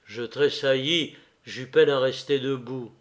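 A man narrating a literary novel aloud in an expressive, measured, emotional way. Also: mid-range voice. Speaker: audiobook narrator.

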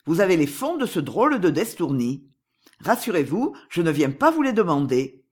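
A narrator voicing a disguised male swindler, calm and commanding, in an audiobook with a husky voice. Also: mid-range voice, normal speed. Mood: smooth. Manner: calm, commanding, coolly persuasive. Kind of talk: audiobook character reading.

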